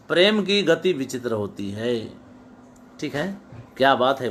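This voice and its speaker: Middle-aged guy teaching a class, slightly high voice, stops and restarts words a lot while he explains. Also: pushed and bright. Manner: explanatory, repeats and restarts words, quotes verses then glosses them. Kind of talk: lecture on Sanskrit poetics.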